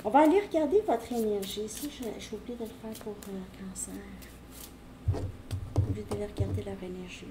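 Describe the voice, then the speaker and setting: A woman's voice: medium pitch, normal speed, very noisy. A woman giving a casual tarot reading, rambling as she talks straight to the viewer. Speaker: tarot reader.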